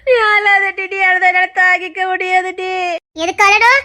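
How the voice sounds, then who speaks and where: A woman's voice: extremely high pitch, little pitch movement, moderate pace, sharp tone. A woman voicing a self-pitying, tearful mother-in-law in a comic fan dub, with a Tirunelveli Tamil accent and a whining delivery.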